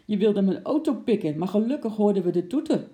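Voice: mid-range voice, expressive, moderate pace, dark tone, voice pushed up, lightly acted. A storyteller voicing a flustered middle-aged husband in a children's story, stammering and apologetic. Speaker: storybook character.

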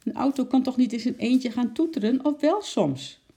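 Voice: high voice, lively intonation, normal speed, warm tone, voice pushed up. A narrator doing a grumpy, stubborn husband. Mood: stern. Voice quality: stern, irritated. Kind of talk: children's storybook reading.

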